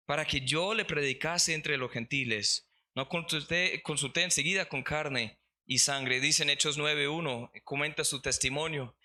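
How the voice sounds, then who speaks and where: A male pastor preaching a sermon, reading scripture aloud and slowing down to stress key lines. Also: fairly high pitch, bright, forceful tone. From Colombia. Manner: reads scripture aloud, slows for emphasis.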